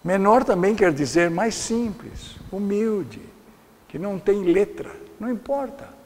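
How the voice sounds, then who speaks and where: A man's voice: sits high, lively intonation, measured pace, a little mellow. Older man preaching in an echoey hall. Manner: folksy, rambling, searches for words. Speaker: pastor. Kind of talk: sermon lecture.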